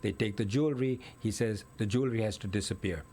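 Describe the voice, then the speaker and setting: Talking fast in a low, dark-toned voice, a male guest recounts a murder case. The casual storytelling moves step by step, peppered with fillers and corrections to what he's just said.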